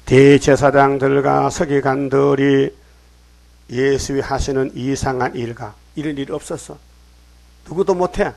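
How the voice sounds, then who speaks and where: A man's voice: mid-range voice, normal speed, a little mellow. A man preaching a sermon, reading scripture and pressing the congregation with rhetorical questions in an emphatic manner.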